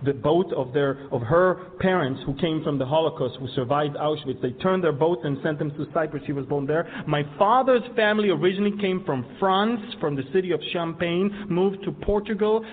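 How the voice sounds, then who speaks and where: A man from Israel preaching a sermon on Bible prophecy, building from quiet explanation to loud, emphatic declarations. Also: on the high side. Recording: tinny phone-like sound with long hall reverb.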